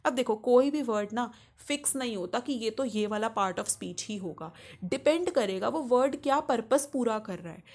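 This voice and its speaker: A woman's voice: a little high, expressive, normal speed, a little mellow. A young Indian woman teaching grammar, explaining step by step and answering her own questions. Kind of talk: grammar lesson mixing Hindi and English.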